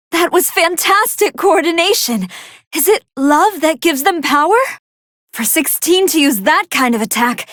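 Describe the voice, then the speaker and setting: High-pitched Android 21, earnest scientist commentator. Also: female voice, fairly bright tone, no room sound, studio quality. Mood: excited, admiring. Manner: articulate, earnest, formal scholarly phrasing. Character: brainy young female android scientist, polite, excitable, fighting hidden hunger. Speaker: fight commentator. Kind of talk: anime video game commentary.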